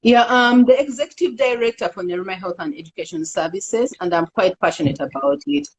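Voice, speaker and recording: Middle-aged woman from Uganda, interview guest, earnest and unhurried, mid-range voice. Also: medium pitch, lively intonation, husky, poor audio. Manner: earnest, halting with fillers, laughs easily. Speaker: executive director, interview guest. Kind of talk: casual interview talk.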